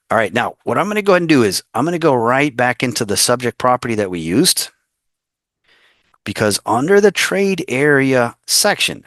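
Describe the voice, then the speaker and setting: A man acting as a real estate tech trainer, walking through software step by step in a screen-share tutorial, with frequent fillers. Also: medium pitch, dry recording, studio quality.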